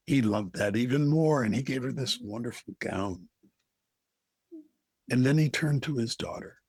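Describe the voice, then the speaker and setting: An American man tells a folktale in a high-set voice for a man, with lively swings of pitch. He goes slowly and deliberately, leaving dramatic pauses between phrases. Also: slightly rough, dry recording. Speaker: storyteller, co-host. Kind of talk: oral folktale storytelling.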